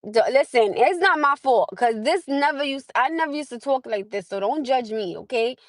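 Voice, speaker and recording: With a high, animated voice at normal speed, a woman from the US chats live with viewers from her parked car through her phone camera. She laughs often and calls them "my love," and there's no room sound.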